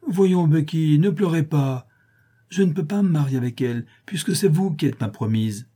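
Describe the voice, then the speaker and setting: A man's voice: fairly high pitch, moderate pace, dark tone, husky, voice pushed up. A man playing a mischievous young schoolboy, speaking eagerly with a lifted, boyish voice.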